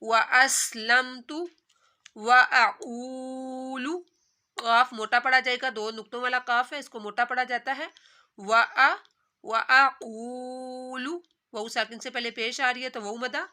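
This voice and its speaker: A woman with a Pakistani Urdu accent teaching recitation, with a very bright, sharp tone and a slightly high voice. She chants each word slowly and stretched out, then rattles off the rule behind it in a quick explanatory voice. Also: fairly even intonation. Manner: recites words slowly and drawn out, then explains rules rapidly. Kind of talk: tajweed lesson, alternating slow recitation and quick explanation.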